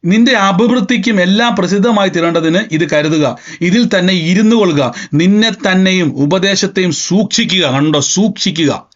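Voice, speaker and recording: A man's voice: sits high, moderate pace, few pauses. A man preaching a sermon as pastor, quoting scripture and firing rhetorical questions at the congregation. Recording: dull lo-fi sound.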